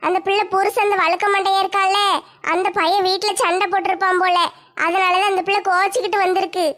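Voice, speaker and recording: A woman voicing a nosy middle-aged village woman, talking in a hushed way. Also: extremely high pitch, flat delivery, quick pace, voice pushed down.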